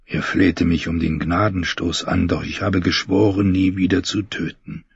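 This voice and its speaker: Playing a former knight turned holy man in his forties, full of weariness and regret, a male audiobook reader uses an exaggerated, low, slow voice that is husky and gravelly yet calmly confessional. The recording is dry, dull, muffled, and close.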